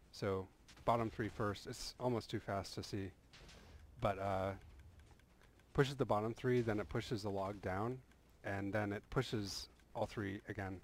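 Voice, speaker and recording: A tutorial voice-over has this man, with a lowish voice, easygoing as he covers a game build. His explanation drifts slightly, with frequent restarts and plenty of "uh." A little hiss or hum can be heard.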